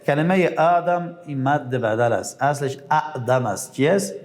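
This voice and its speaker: Afghan Dari-accented man teaching Quran recitation. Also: mid-range voice. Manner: quizzes listeners then answers himself, stretching out recited words slowly. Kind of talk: recitation lesson.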